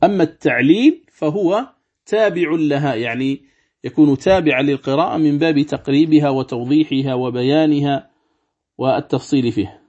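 A man's voice: on the high side, mellow, husky, dull audio. A man teaching a religious lesson on Quran recitation. He explains step by step, asks rhetorical questions and draws out the recited examples.

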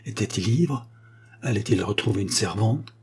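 A man voicing a middle-aged country gentleman and husband, courteous and commanding in a measured way. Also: lowish voice, creaky, husky, full character voice. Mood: shaken, urgent.

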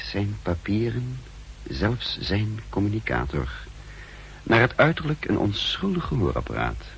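In a hissy, humming 1960s radio play, a man voices an uneasy secret agent impersonating his double, narrating the events of his mission in first person. His fairly low, creaky voice delivers formal, measured, literary lines, and the recording is rough.

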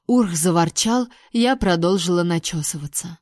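A woman reading a first-person fantasy audiobook with lively, expressive storytelling. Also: lowish voice, normal speed, no room sound, clean studio sound. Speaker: audiobook reader.

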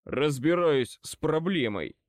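A man's voice: a little high, lively intonation, slow pace, no room sound, clean studio sound. A man reading an audiobook, voicing a stern, furious old male wizard who growls harsh commands. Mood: angry gruff.

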